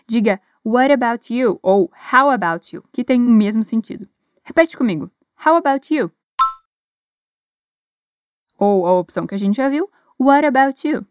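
Encouraging Brazilian teacher drilling English phrases. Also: female voice, a little high, darkish tone, dry recording, clean studio sound. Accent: Brazilian Portuguese. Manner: slow, careful pronunciation of model phrases. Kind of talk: language lesson with repeat-after-me drills.

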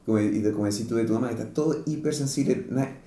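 A man with a Chilean Spanish accent rambles through a casual podcast chat, full of slang, fillers and restarts. His voice is mellow and middle-pitched, and it sits in a slightly echoey room. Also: rapid-fire. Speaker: podcast host.

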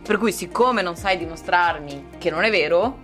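Female podcast co-host, methodical explainer, lower voice, faint music behind. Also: normal speed, a bit bright. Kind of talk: casual podcast discussion.

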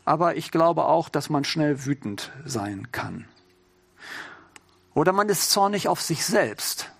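High-voiced man preaching casually. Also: animated, slow, gravelly, slightly rough, dry recording. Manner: informal, addresses the congregation with rhetorical questions. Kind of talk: conversational sermon.

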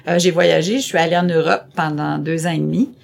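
A woman's voice: low-pitched, steady tone, brisk, creaky. A middle-aged woman with a Québécois French accent answering interview questions in a chatty, rambling way, with many hesitations and repeated words. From Quebec. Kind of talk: casual conversational interview.

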